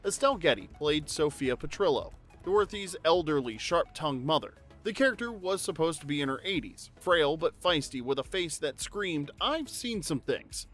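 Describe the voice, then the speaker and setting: A man narrates a pop-culture trivia video in an upbeat, jokey, conversational read. His voice sits a bit high for a man, with faint music under it. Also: lively intonation, normal speed, hardly any pauses, a bit bright. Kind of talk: scripted narration.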